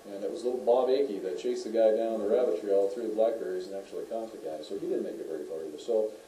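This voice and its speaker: A man's voice: fairly low pitch, quick pace, dark tone, a little hiss or hum. A middle-aged man, a police officer, telling stories to local residents in a chatty way with many fillers and restarts. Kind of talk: anecdotal community talk. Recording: echoey room, voice heard from a distance.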